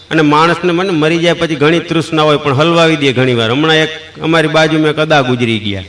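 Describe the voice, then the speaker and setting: A man's voice: fairly high pitch, a bit bright. A man with a Kathiyawadi Gujarati accent telling folksy comic stories, acting out characters and laughing at his own punchlines. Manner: acts out characters' lines and sings snatches of procession songs. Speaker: stand-up comedian telling jokes. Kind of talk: folksy joke-telling monologue.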